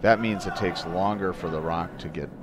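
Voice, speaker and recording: Deep-voiced, dry-humored male commentator. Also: normal speed. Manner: dry joking, asks leading questions. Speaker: play-by-play commentator. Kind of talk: live sports commentary. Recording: noisy venue background.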